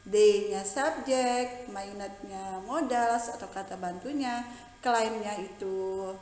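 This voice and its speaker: Woman, Indonesian accent, patient teacher, slow pace, roomy echo. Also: medium pitch, fairly even intonation, a little mellow. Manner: slow, patient explaining, mixing English and Indonesian. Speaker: English teacher. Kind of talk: bilingual classroom lesson.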